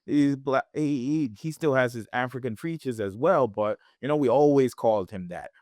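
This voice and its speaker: A Jamaican man appears as a podcast guest in a conversational interview, speaking reflectively and often restarting his sentences. His mid-range voice has a darkish tone and a moderate pace, captured in a dry, clean studio recording.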